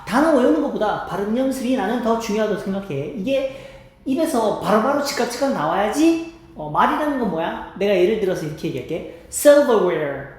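A woman host giving a casual spoken language lesson, repeating English phrases slowly over and over with many fillers. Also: medium pitch, animated. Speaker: English teacher and channel host. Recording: roomy echo.

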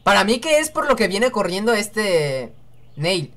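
Young woman doing a chatty let's play, jokey, reads out the game lines, mid pitch. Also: big pitch swings, a little slow. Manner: chatty and joking, musing aloud to herself. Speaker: gaming channel host. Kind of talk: casual let's-play commentary, reading game dialogue aloud.

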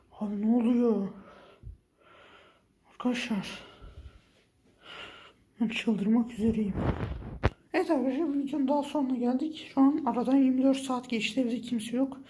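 A man's voice: extremely high pitch, normal speed, long pauses, dark tone. A young man vlogging on his phone, frightened and exclaiming as he keeps talking to his viewers. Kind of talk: scared horror vlog, whispered asides.

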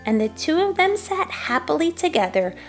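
A woman reads a children's storybook aloud, her high voice rising and falling in lively, expressive turns. She takes an unhurried pace. Soft music plays faintly behind her. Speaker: volunteer reader. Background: soft background music.

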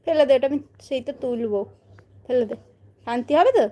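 A woman's voice: high-pitched, a little fast, mellow. A woman on a casual live stream, talking to her pet bird in a coaxing, doting way.

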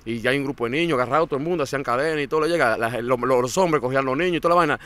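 A man with a Dominican accent, a guest telling his story in a casual interview. He talks in an animated way, repeats words and acts out what others said. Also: mid-range voice, rapid-fire.

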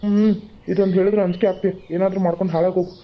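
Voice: mid-range voice, level tone, racing, close to an everyday voice. A voice actor playing a harsh middle-aged village father in a cartoon, full of cutting, scornful remarks. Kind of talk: cartoon voice acting. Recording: slightly dull lo-fi sound.

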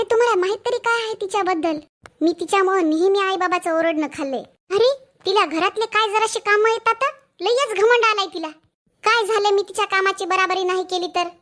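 Woman doing a sharp-tongued spoiled younger sister. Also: very high voice.

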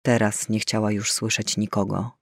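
A man's voice: fairly low pitch, little pitch movement, normal speed, vocal fry, no echo. Man narrating an audiobook, dry. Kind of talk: scripted narration.

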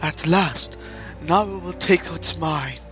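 A man voicing a gloating villainous dentist from a video game, with slow, theatrical menace. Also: fairly high pitch, pushed and bright, soft background music. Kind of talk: reading game dialogue aloud in character.

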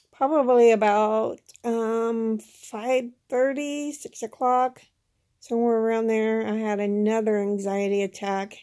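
A middle-aged woman talks in a slightly high voice at an unhurried, slow pace. Her words come out a little slurred, as if without teeth. She rambles plainly through a casual vlog update, recorded on a phone in a room at home. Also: darkish tone. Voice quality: toothless, slightly slurred articulation. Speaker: vlogger. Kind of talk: casual personal update to camera. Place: small indoor room at home. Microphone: phone at arm's length.

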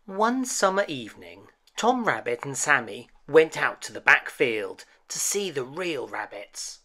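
Narrating a storybook for children, this male host speaks at a medium pitch with gentle, unhurried, expressive phrasing.

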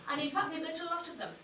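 A middle-aged university lecturer, a native Welsh speaker with a Welsh accent, gives a measured public lecture in a darkened hall, listing names with careful emphasis. Her voice is high-pitched, and the echoey recording was made from afar with a far room mic, picking up background noise.

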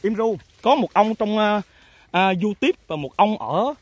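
A man's voice: high-pitched, very animated, measured pace, slight background noise. A man with a Southern Vietnamese accent, the founder of a fertilizer company, speaking off the cuff to farmers and agents in a blunt, emphatic way full of rhetorical questions. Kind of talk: off-the-cuff talk to his customers.

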